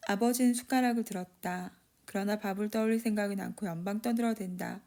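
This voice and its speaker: Mellow-voiced woman narrating a story. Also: mid-range voice, fairly even intonation, quick pace. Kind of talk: scripted narration of a short story.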